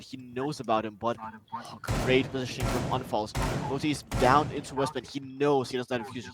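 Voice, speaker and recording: Male esports analyst, halting delivery. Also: mid-range voice. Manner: hesitant, many fillers and restarts, rises to excitement on plays. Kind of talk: color commentary. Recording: noisy game stream with gunfire.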